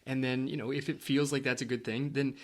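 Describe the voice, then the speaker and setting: A man co-hosting a running podcast in a relaxed, loose casual chat, often repeating words. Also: medium pitch, fairly quick. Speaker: podcast co-host.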